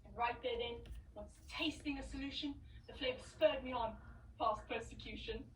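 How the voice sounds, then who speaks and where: A woman's voice: a little high, normal speed, echoey room, recorded from a distance, a little hiss or hum, natural voice, low-quality recording. A woman playing a scrappy, cheeky male street clown with a Cockney accent, talking in rhymes and boasting. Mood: chatty. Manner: rhyming, chatty, boastful. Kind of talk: stage play acting.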